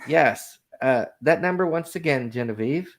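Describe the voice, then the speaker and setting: A man hosting a call-in talk show, chatting casually with a guest, animated and often laughing. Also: fairly high pitch, normal speed. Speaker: host. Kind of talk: casual chat.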